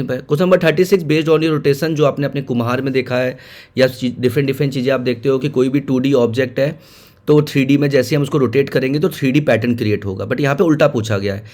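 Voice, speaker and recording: A man's voice: medium pitch, quick pace, a little mellow. A man teaching, walking students through exam questions and repeating key points as he mixes in English terms.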